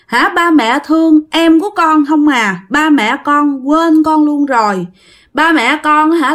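Brief: woman doing a small ghost girl, childlike and pleading, high voice, Southern Vietnamese accent, storytelling. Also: fairly bright tone.

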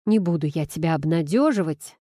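A woman reading puts on a middle-aged boss who is stern on the surface but fond underneath. He speaks in a dry, teasing way, sighing between lines, with a mellow, unhurried tone. The recording is dry and close. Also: deep voice, lively intonation, no room sound. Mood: wry.

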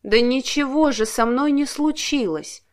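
A woman voicing a gentle, apologetic young man who talks slowly and quietly. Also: high voice, voice pushed up. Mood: soothing apologetic. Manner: slow, soft, quiet.

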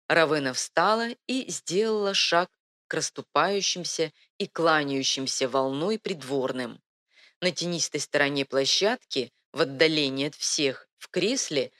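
A woman narrating a fantasy story in a calm, even audiobook reading. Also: sits low.

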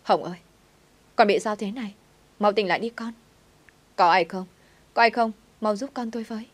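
A woman's voice: fairly low pitch, normal speed, lightly acted. A woman reading the lines of a scheming middle-aged aunt in a told story. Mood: frantic.

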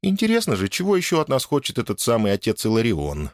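A man's voice: medium pitch, wildly swooping pitch, quick pace, no echo, studio quality, pitched above the performer's own voice. A man doing an icy, purring young noblewoman. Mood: coaxing. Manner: purring, imperious.

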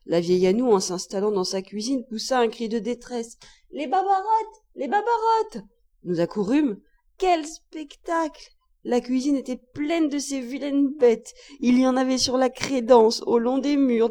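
A woman narrating a classic novel as an audiobook, expressive and lively, jumping high for the characters' cries. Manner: expressive, raises pitch sharply for quoted cries. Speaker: audiobook reader.

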